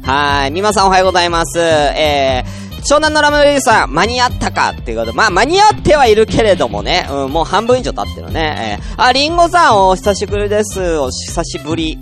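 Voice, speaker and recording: A man hosting an unedited solo internet radio show, grumbling and venting in a casual way, his voice getting hoarse. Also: high voice, huge pitch swings, fast, a bit bright, soft background music. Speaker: host.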